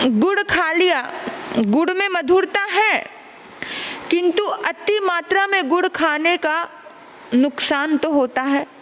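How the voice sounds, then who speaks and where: Woman nun giving a sermon, high voice, unhurried, emphatic repetition. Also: a little hiss or hum. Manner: slow, deliberate, repeats phrases for emphasis. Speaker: Jain nun preacher.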